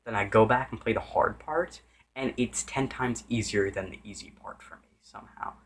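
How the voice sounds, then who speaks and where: A man's voice: fairly low pitch, normal speed. A man giving a casual, unscripted game review, rambling with many restarts and self-corrections and sometimes losing his train of thought.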